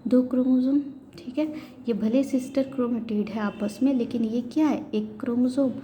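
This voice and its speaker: A woman lectures patiently on biology, stopping often to check understanding. Her voice is dark and mellow, sitting slightly high for a woman. A faint hiss runs under the recording. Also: fairly even intonation. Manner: patient, repeats checks with frequent pauses. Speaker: biology teacher. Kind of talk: classroom lecture explanation. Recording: faint background noise.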